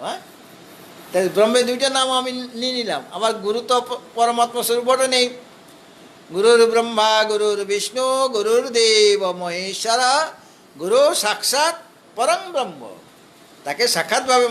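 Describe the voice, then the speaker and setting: High-voiced Bengali man giving a scripture discourse. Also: fairly bright tone, a little hiss or hum. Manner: explains step by step, slow chanted Sanskrit verses, asks rhetorical questions. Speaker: spiritual teacher. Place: hall of a spiritual society.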